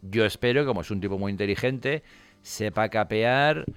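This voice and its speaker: A man's voice: lowish voice, moderate pace, clean tone. A man from hosting a casual talk show, telling anecdotes and mimicking other people's voices. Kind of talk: casual radio chat.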